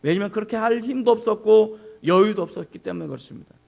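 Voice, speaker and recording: Man, pastor, sermon, high-pitched, gravelly, dramatic. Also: fast, darkish tone. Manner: dramatic, acts out cries and asks the congregation questions.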